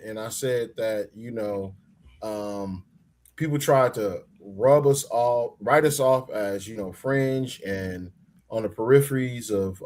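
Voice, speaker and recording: A man speaking as a panelist on a live show, arguing his point in a measured way. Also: mid-range voice. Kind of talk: casual chat.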